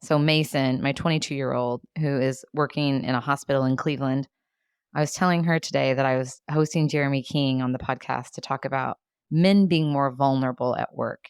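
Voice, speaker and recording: Low-voiced woman podcast host. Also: fairly even intonation, brisk, smooth, dry recording, clean studio sound. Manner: warmly affirming, enthusiastic. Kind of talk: casual podcast conversation.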